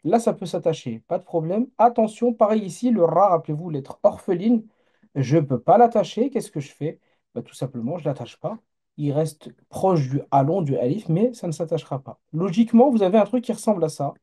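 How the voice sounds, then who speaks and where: Very mellow-voiced man teaching a live class. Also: high-pitched, expressive, brisk, breathy edge. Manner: patient, explains step by step, checks in with learners. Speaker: Arabic teacher.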